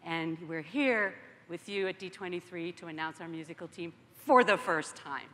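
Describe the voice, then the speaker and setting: A woman's voice: lowish voice, moderate pace, music in the background. A woman in her fifties, a film producer, announcing a team on stage with chatty enthusiasm. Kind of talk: stage presentation. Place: large indoor arena stage. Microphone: lapel mic. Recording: reverberant arena with faint crowd.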